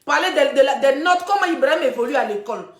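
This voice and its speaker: A woman, hosting a casual live stream and telling gossip straight to her viewers in a chatty, animated way. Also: high-pitched, fast talker, roomy sound. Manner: chatty, animated storytelling, addressing viewers directly.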